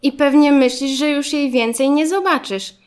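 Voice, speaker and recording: A woman's voice: high voice, moderate pace, a little mellow, pitched above the performer's own voice, natural voice. A woman voicing a friendly, reassuring little boy car in a children's storybook, eager and upbeat. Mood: kind. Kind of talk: storybook reading.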